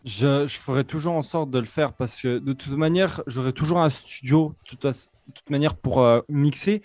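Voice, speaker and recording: A young man with a Franche-Comté French accent, a DJ chatting casually as a guest, pausing often and restarting his sentences. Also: mid-range voice, a little mellow, no room sound. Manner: hesitant, many fillers and restarts. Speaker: DJ and Twitch streamer, guest. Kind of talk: casual interview chat.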